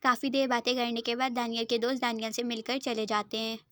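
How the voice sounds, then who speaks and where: A woman's voice: fairly high pitch, little pitch movement, fast, a bit bright, no echo. A woman storyteller narrating her own romance story in a plain, matter-of-fact way.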